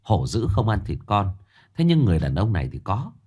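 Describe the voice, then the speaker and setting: Male storyteller, low voice, animated dramatic narration. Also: fairly quick, husky. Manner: expressive, emotive storytelling. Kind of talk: dramatic scripted narration of a village tale.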